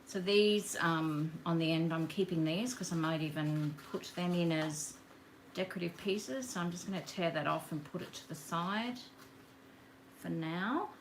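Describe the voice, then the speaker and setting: Woman, rambling live craft host, lowish voice, faint hiss, camera on the desk. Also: normal speed. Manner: chatty, rambling, greets viewers by name. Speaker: craft demonstrator hosting a live session. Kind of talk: casual live craft demo chat. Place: home craft table. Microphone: camera on the work table.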